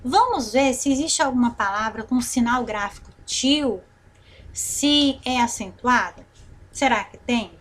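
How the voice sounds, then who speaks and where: A woman's voice: on the high side, lively intonation. Brazilian teacher woman drawing out syllables. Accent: Brazilian Portuguese. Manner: slow, drawn-out repetition of syllables, frequent "né?" and "tá certo?" check-ins. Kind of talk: recorded online grammar lesson.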